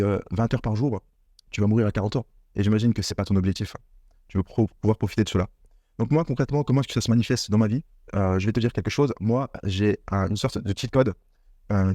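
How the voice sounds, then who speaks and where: This online business coach has a warm, mid-range voice, recorded at studio quality without any echo. Facing the camera, he gives an earnest, repetitive motivational talk about business mindset.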